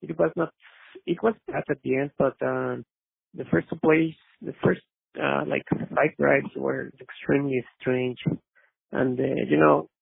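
A caller from Mexico City who speaks English. His voice is deeply gravelly and very raspy, and he speaks slowly. He is heard over a dry, narrow phone line, polite and halting. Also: fairly even intonation, no echo. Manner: hesitant, polite, many "uh" fillers. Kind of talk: call-in sports talk.

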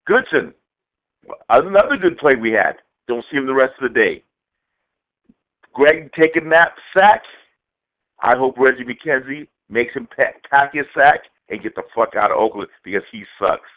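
A man's voice: medium pitch, animated, normal speed. A man from Southern California calling in to a radio show over the phone, ranting angrily with a lot of swearing. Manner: angry profane rant. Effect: call-in phone line. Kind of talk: ranting call-in message. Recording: tinny phone line.

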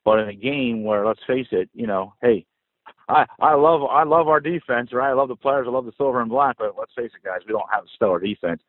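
A man's voice: medium pitch, brisk. An American man phoning in from inside a car with rain falling on it, talking emphatically and conversationally as a fan caller. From New Jersey, United States. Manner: conversational, emphatic, addressing listeners directly. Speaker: podcast caller. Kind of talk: fan voicemail commentary on football. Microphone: phone call. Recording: roomy, narrow phone-line sound.

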